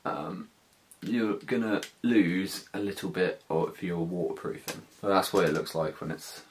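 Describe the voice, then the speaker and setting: A deep, slightly slow male voice comes from a British motovlogger in his thirties. Sitting in a small indoor living room, he does a casual, hesitant, slang-filled walkthrough of his gear, handling it as he goes.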